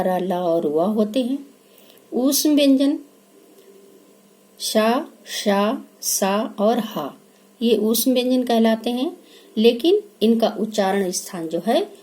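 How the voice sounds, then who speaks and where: Woman, teacher, patient, repeats each sound, fairly high voice, mellow tone. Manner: patient, repeats sounds slowly and checks understanding. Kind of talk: Hindi pronunciation lesson.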